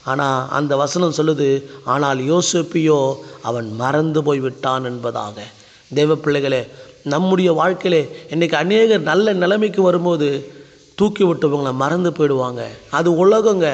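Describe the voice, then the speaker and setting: Gravelly pastor with a high voice. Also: male voice, long reverb tail, dull audio. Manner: repetitive, pleading exhortation. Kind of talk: sermon and prayer.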